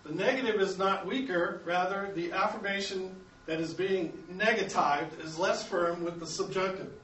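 A man's voice: sits high, moderate pace, a bit bright, a little hiss or hum. An American man teaching an adult Sunday school Bible lesson, explaining points step by step and chuckling at his own slips. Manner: explanatory, self-correcting, chuckles at himself. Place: church classroom. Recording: echoey room, mic at a distance.

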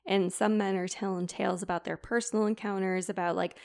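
A woman's voice: medium pitch, fairly even intonation, brisk, gravelly. A woman podcast co-host casually retelling a classic story in a chatty, filler-heavy way.

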